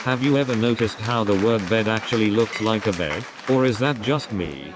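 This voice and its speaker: A man doing a stand-up comedy routine, delivering deadpan one-liners one after another. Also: on the low side, moderate pace, noisy background. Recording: crowd laughter in background. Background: audience laughter.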